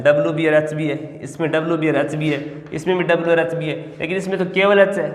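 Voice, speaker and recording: A man's voice: a little high, roomy sound, in a large hall. A man teaching English grammar in Hindi, explaining step by step and answering his own questions. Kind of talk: classroom lesson.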